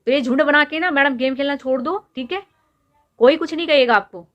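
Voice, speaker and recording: Scolding woman vlogger, fairly high voice. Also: brisk, fairly bright tone, dull audio. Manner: scolding, lecturing, repeats "theek hai?" to press points. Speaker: YouTube vlogger. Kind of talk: direct-to-camera opinion rant.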